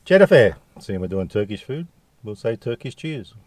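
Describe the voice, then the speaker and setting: Low-voiced Australian man, casual and jokey. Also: lively intonation, normal speed, warm tone, no room sound. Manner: jokey, slangy. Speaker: food review vlogger. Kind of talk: casual chat to viewers.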